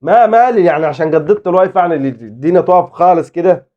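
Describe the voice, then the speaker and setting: A man with an Egyptian Arabic accent, giving excitable live commentary on his own football game as a gaming YouTuber. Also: high-pitched, rapid-fire, lo-fi sound. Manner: excitable, exclaiming and pleading at the game.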